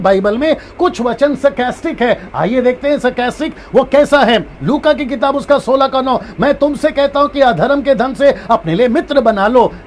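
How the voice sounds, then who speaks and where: A man's voice: sits high, slight background noise. A man, a pastor, giving a live-streamed Bible lesson who repeats his points and acts out different tones of voice. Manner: repeats key points, animated with acted tones.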